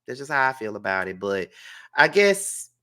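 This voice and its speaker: Stuffed up from a cold, this entertainment vlog host speaks at a moderate pace in a pushed, bright mid-range voice that swings widely in pitch. He dishes out sassy, blunt takes on reality TV with emphatic swearing.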